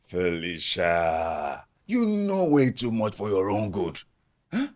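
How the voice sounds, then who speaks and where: An actor playing a scheming, smooth-talking man with a Nigerian English accent, chuckling and coaxing with an oily charm. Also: low voice, wildly swooping pitch, slow, heavily acted. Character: scheming smooth-talking middle-aged man, wealth-hungry. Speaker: family friend, widower-seeking suitor. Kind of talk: film drama dialogue.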